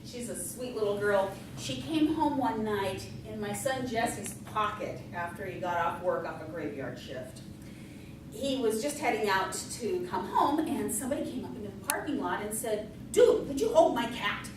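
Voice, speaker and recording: A woman's voice: mid-range voice, expressive, moderate pace. Echoey, distant woman telling a folksy tall tale. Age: middle-aged. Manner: folksy, conversational, tongue-in-cheek. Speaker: storyteller in a tall tales contest. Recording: echoey room from far off, noisy.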